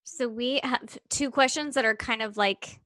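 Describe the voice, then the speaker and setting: A woman's voice: a little high, normal speed, fairly bright tone, dry recording. A woman co-hosting a health podcast, upbeat and giggly, reading listener questions. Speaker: podcast co-host. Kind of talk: casual podcast chat.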